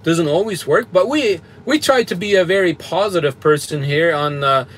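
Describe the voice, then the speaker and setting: A fairly high-voiced man from Canada, a trucker talking from his truck cab. He chats loosely and bluntly, full of fillers and little chuckles, reading out comments as they come in. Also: lively intonation, moderate pace, a little hiss or hum. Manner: blunt, straightforward, chuckles often, many fillers. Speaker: trucker streaming a live show. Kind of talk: casual live-stream chat reading comments. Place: truck cab with bunk heater and fan.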